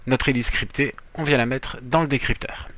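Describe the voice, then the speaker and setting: A man's voice: medium pitch, fairly even intonation, normal speed, fairly bright tone, slight background noise. A man giving casual, playful gameplay commentary as a let's player, chatty, with jokey asides while he explains what he is doing.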